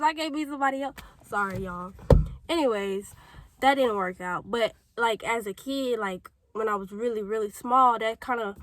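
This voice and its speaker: A woman's voice: a little high, sharp tone, dry recording, low-quality recording. A young woman from St. Louis, Missouri, with a St. Louis accent, telling her personal story in a rambling, chatty way with lots of fillers and tangents, a little congested from a cold. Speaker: vlogger. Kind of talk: personal testimony, casual talk to camera.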